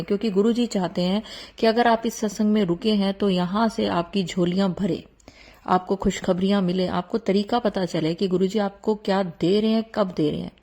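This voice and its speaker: Earnest devotional host, a middle-aged woman with a warm, mellow voice who pleads and repeats herself. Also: mid-range voice. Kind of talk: devotional talk to followers.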